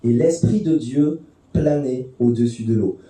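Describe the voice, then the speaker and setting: A man's voice: medium pitch, a little slow, dark tone, very echoey, recorded from a distance. A man preaching a sermon to a congregation, explaining the text conversationally with fillers and restarts. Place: church hall.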